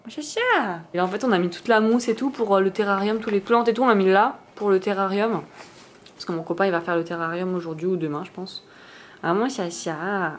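A woman's voice: mid-range voice, steady tone, fast, slight background noise. A young woman from France chatting casually in a vlog, with lots of fillers and restarts. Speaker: vlogger.

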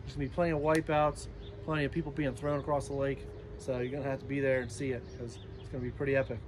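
An American man in his thirties hosts a vlog outdoors in a residential yard, speaking quickly in a level, mid-range voice. His casual, folksy tour talk is captured on a handheld action camera with noisy outdoor audio.

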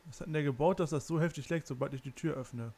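A man's voice: on the high side, fast talker, gravelly, warm tone. A man giving casual gameplay commentary as a Let's Play host, muttering, cursing and stumbling as he reads in-game signs.

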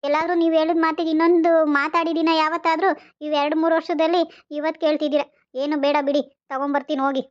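A woman's voice: high-pitched, flat delivery, brisk, close to an everyday voice. A woman playing a plaintive young wife. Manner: plaintive, melodramatic protesting. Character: young wife, meek yet pointedly dramatic. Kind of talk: amateur family skit. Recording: slightly dull lo-fi sound.

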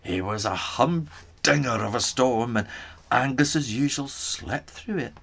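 A man's voice: medium pitch, a little slow, gravelly, a bit bright, voice pushed down. A man voicing a crafty Scottish island man, telling the story in the first person with a put-on Scottish accent. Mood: sly. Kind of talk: storytime reading in character.

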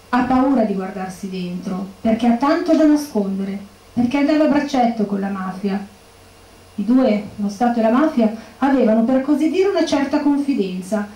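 A woman's voice: on the high side, dark tone, lightly acted. An actress playing the grieving widow of a murdered policeman, bitter and accusing, in a stage monologue. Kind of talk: theatrical monologue. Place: bookshop stage. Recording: echoey room.

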